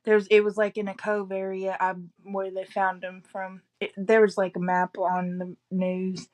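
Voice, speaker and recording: A woman's voice: medium pitch, completely flat delivery, unhurried. A woman with an East Tennessee accent, chatting casually as a local resident giving news, often backtracking and qualifying what she says.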